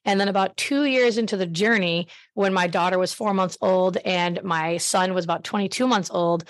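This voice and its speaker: A middle-aged woman with a lowish voice hosts a podcast at a moderate pace, talking casually and enthusiastically. Her delivery is friendly and emphatic, and she speaks directly to her listeners. The recording is dry and of studio quality.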